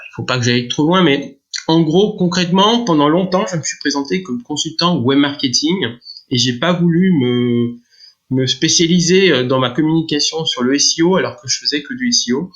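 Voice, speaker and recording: A man talks through his work in a relaxed podcast interview. He explains step by step, trailing into fillers and restarts. The recording sounds a little dull and lo-fi. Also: mid-range voice. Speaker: guest, SEO consultant.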